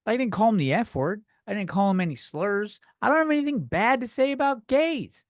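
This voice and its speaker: Here a man in his thirties rants on his solo comedy podcast, rambling, swearing and mocking himself. The voice is high-pitched, expressive and fairly quick, captured cleanly in a studio with no room sound.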